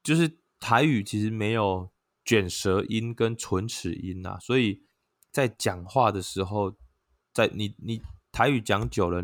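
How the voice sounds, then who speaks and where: Taiwanese-accented male vlogger, lowish voice, dry close sound, chatty explainer. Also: no room sound. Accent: Taiwanese Mandarin. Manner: chatty, sprinkles "oh" fillers, chants tones aloud. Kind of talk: casual explanatory talk.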